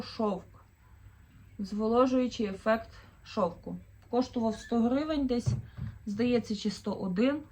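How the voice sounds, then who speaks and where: A woman in her thirties from Ukraine, chatting casually through a shopping haul as a vlogger, thinking aloud with fillers. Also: on the high side. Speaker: vlogger, mother of four.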